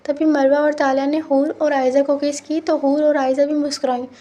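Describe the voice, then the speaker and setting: A woman's voice: high voice, mellow. A woman reading a romance novel aloud as storybook narration, voicing every character in much the same voice. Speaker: novel reader.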